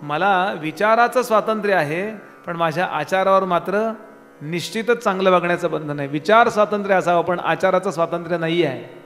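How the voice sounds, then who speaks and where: A high-pitched man preaching, asking his listeners question after question in a chatty discourse style. His voice rings with long reverb in a large hall. Faint instrumental music plays underneath. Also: brisk, fairly bright tone. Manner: conversational preaching with rhetorical questions. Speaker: kirtan preacher. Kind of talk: Marathi devotional discourse.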